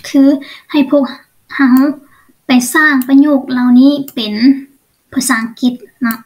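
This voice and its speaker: Over some background noise, a Lao-accented woman with a high voice gives an online English lesson very slowly. Proceeding step by step, she often asks short questions to make sure the learner keeps up.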